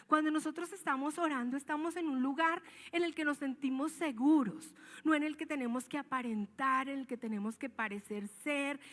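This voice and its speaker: Colombian woman, sermon, high voice, conversational and emphatic, long hall reverb. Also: fairly bright tone. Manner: conversational, emphatic, asks the audience questions. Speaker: preacher.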